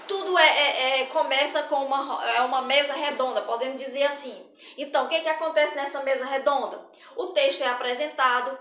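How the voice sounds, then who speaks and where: A woman's voice: sits high, bright, forceful tone. A woman teaching an arts lesson in a chatty, explanatory way, with many hesitations and restarts. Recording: roomy echo.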